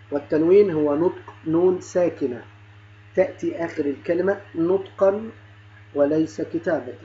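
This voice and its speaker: A man's voice: on the high side, a little mellow, dull audio, slight background noise. A man teaching a grammar lesson to young pupils, patiently repeating words, sounding out letters and praising the children. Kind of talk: primary-school grammar lesson.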